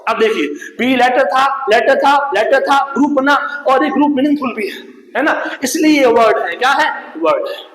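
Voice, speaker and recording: A man's voice: extremely high pitch, moderate pace, a bit bright. A man teaching English grammar in Hindi, asking his class questions and answering them himself, repeating the key terms. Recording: echoey room.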